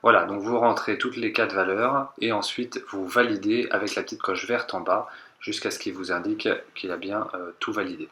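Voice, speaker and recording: Bright-voiced man explaining car steps. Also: lowish voice, steady tone, moderate pace, few pauses. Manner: patient, repeats steps, hedges his own interpretation. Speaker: car tech tutorial maker. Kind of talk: step-by-step voice-over tutorial.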